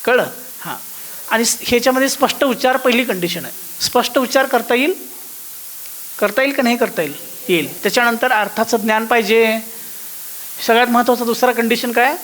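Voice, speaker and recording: A man's voice: very high-pitched, fairly quick, long pauses, a bit bright, a little hiss or hum, rough recording. A man with a thin voice teaching a devotional course, often asking his listeners whether they follow and singing out the musical notes as he explains them.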